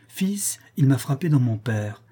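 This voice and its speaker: A man's voice: medium pitch, sing-song, measured pace, mellow, husky. A man voicing a grieving, melancholy prince in an audiobook reading, speaking solemnly and sorrowfully. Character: grieving middle-aged prince, noble and melancholy.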